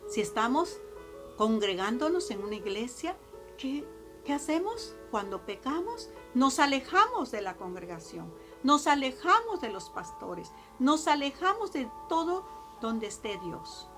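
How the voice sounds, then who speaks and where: A woman preacher with a Mexican Spanish accent, giving a sermon in slow, emphatic phrases that she often repeats. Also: high-pitched, big pitch swings, music in the background.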